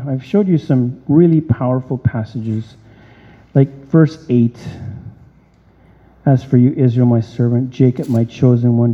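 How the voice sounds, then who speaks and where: A man preaching a sermon, reading scripture aloud and firing off rhetorical questions with animated emphasis. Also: mid-range voice. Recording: dull lo-fi sound with long hall reverb.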